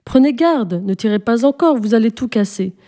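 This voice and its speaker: A woman reading a storybook aloud, voicing a careful, calm household maid. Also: a little high, moderate pace, lightly acted. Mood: cautious.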